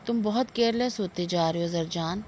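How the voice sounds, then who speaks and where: A woman's voice: fairly low pitch, darkish tone, lightly acted. A woman voicing an anxious, affectionate middle-aged mother who fusses over her son. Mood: worried. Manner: affectionate and fussing. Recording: dull lo-fi with faint noise.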